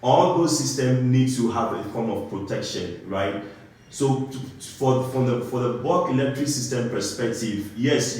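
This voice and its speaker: A man's voice: mid-range voice, darkish tone, slight background noise. Ghanaian man explaining, echoey room. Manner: explanatory, keeps checking in with "right?". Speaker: guest, compliance engineer. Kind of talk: explaining a technical topic in conversation.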